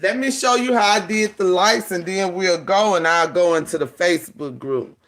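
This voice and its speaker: A man with a Southern US country accent and rural drawl hosts a casual livestream craft demonstration, emphatically repeating the key instructions. His voice is high-pitched and fairly bright, at a moderate pace.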